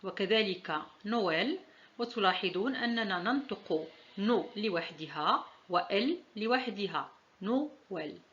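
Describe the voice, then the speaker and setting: A woman teaching a French lesson, saying each example slowly and deliberately. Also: medium pitch, animated, a bit bright, highs cut off. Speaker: language teacher.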